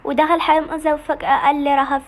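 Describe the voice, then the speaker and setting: A woman with an Egyptian Arabic accent reading a serialized novel aloud, in a brisk, even manner. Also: sits high. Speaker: storyteller.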